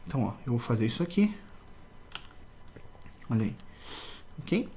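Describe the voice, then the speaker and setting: A man's voice: mid-range voice, big pitch swings, normal speed, mellow, a little hiss or hum. A man teaching a casual drawing tutorial, explaining step by step and often checking in with the viewer.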